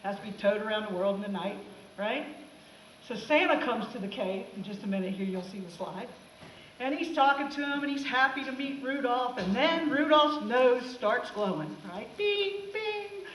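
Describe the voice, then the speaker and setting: A woman teacher jokes sarcastically through a film for her class, her voice high. She sounds far from the mic in an echoey classroom, with faint noise behind. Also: normal speed. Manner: sarcastic, animated. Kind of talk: comic classroom talk over film clips.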